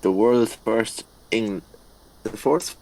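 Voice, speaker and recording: A young man co-hosting a casual podcast chat, halting and tripping over his words as he reads out facts. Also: lowish voice, a little mellow, low-quality recording. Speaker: podcast co-host. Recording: faint background noise.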